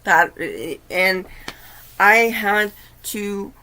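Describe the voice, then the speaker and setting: Slow-talking woman, bright voice. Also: mid-range voice, steady tone, smooth. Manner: earnest, halting, confiding. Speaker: livestream host. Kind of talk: casual storytelling.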